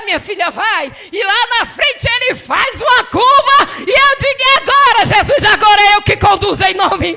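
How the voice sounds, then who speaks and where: A woman preaching a fervent sermon, swinging from loud shouts to quiet low murmurs.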